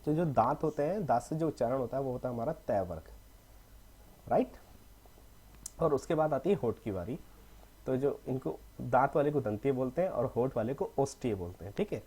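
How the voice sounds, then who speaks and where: A man's voice: mid-range voice, lively intonation, moderate pace, mellow, breathy edge. A young man teaching a casual lesson, often checking in with "okay" and slipping in English words. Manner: repetitive, mixes in English words, frequent "theek hai".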